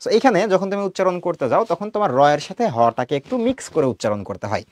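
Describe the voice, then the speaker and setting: Fast, lively male teacher. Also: high voice, no echo. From Bangladesh. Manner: explains step by step, drawing out sounds as examples; colloquial, mixes in English words. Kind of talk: online lecture for students.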